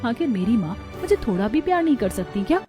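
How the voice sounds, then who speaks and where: Teen girl in a cartoon, neglected and pleading, voiced by a woman, mellow tone, faint music behind. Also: on the high side, big pitch swings, fast. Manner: pleading, hurt tone. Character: 17-year-old girl, neglected and longing for love. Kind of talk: cartoon voice acting.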